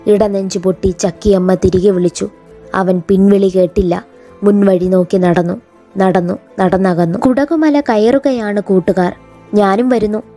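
A woman teacher reading a folk tale from a school lesson aloud in a measured storytelling way. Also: mid-range voice, dark tone.

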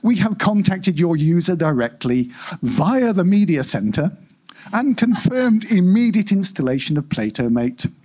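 Reading live from a near-future short story, a man performs a customer-service AI: polite without fail, implacable, all scripted corporate patter. His slightly husky voice moves a little slowly with lively pitch swings in a full character voice, bland and implacable.

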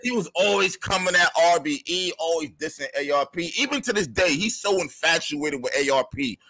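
Loud taunting man, high bright husky voice, dry mic; profane live-stream beef. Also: animated, a little fast, no room sound. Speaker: battle rap personality arguing online. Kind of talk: heated live-stream argument.

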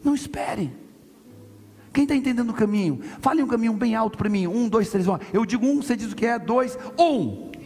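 A man's voice: extremely high pitch, expressive, brisk, warm tone. A man from Brazil preaching an impassioned conference sermon, emphatic, repeating his phrases and calling on the congregation to answer. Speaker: pastor. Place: large church hall. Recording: live church hall with reverb and music.

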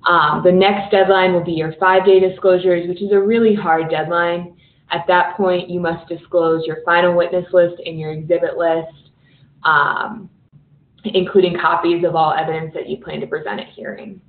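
A woman's voice: lowish voice, fairly even intonation, normal speed. A woman presenting a legal training session as an attorney, explaining steps with frequent fillers and hurrying near the end. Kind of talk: recorded training webinar presentation. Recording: phone-line audio, echoey room.

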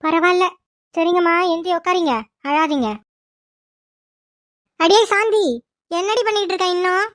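A woman doing a bossy high-pitched mother-in-law. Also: steady tone, normal speed, pauses often, no room sound, clean studio sound. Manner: commanding, scolding servants. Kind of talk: cartoon voice acting.

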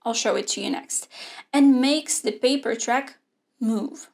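A young woman presenting a scripted online robotics lesson in a studio, explaining clearly and steadily. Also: high voice, a little mellow. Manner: clear, measured explaining with hand gestures. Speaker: robotics teacher. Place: indoor studio with a grey backdrop.

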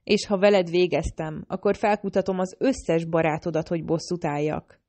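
A fierce young female assassin hisses her threats quietly and coldly, as a woman reader voices her. Her voice sits a little low. The menace stays restrained. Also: fairly even intonation, close to an everyday voice. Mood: menacing.

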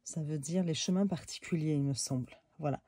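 A woman's voice: sits low, fairly quick, warm tone, dry recording, clean studio sound. A woman with a head cold, talking nasally and hesitantly through a casual tarot deck review. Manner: hesitant, many fillers, chatty.

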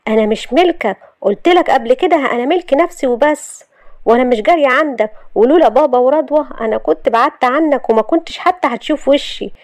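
Brief: sassy, quick-tongued young wife, Egyptian accent, bright high voice, a woman reading her. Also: no echo, natural voice. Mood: indignant. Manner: sassy, argumentative.

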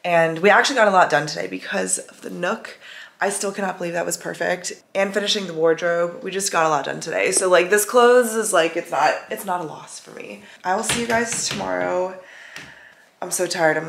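A woman's voice: lowish voice, brisk, gravelly, reverberant. A young adult woman talking casually to camera as a lifestyle vlogger, chatty and gushing with lots of fillers. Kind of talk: casual vlog talk to camera. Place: apartment rooms.

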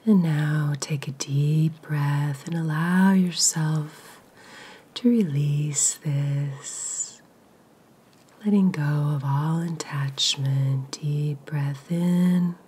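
A woman whispering a slow guided meditation, breathy and soothing, with long soft pauses. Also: low-pitched.

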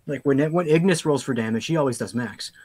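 A man's voice: medium pitch, fast, darkish tone, breathy edge. A man with an ordinary, mid-range voice plays a tabletop game and casually says what his character does. His voice is recorded dry, with no room echo around it. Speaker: player.

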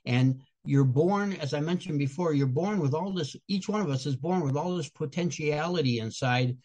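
Heard in a low-quality recording, an older man with a Chicago accent, a comedian and guest speaker from that city, gives earnest, explanatory interview answers and occasionally restarts phrases. His voice is slightly high and a little mellow, at a moderate pace.

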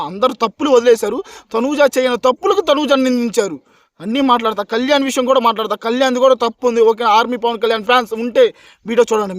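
In a heated rant to camera about a reality show, a man argues combatively, repeats points for emphasis and keeps asking listeners "okay?" to make sure they agree. His voice is very high-pitched with no room sound.

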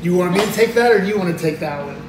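A man's voice: high-pitched, very fast. A man in his forties answering fan questions on his vlog in a playful, joking way while seated at a table indoors. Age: 40s. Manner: jokey, playful, expressive hand gestures. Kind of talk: casual Q&A chat. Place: small indoor room at a table. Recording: echoey room, distant mic, music behind.

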